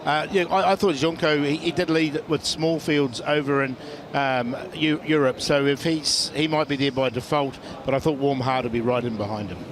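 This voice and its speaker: A man previewing a race as a pundit, with a hesitant, halting delivery. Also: a little high, fairly even intonation, crowd noise. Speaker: racing pundit.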